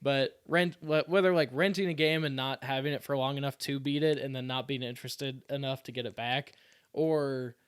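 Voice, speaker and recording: A man co-hosting a podcast, talking in a relaxed, chatty way with lots of fillers. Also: mid-range voice, normal speed, smooth, dry recording. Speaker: podcast co-host. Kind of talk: casual chat.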